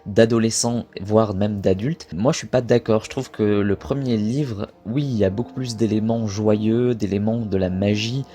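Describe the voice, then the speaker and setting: Chatty young man, low voice, soft music. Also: steady tone, moderate pace, few pauses. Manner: chatty, self-correcting. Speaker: video creator. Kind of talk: casual talk to camera.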